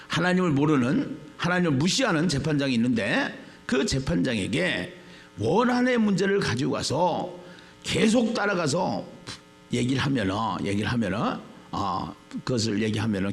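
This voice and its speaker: A male pastor preaching a sermon. He repeats phrases for emphasis and swings from low murmurs to shouted lines. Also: vocal fry.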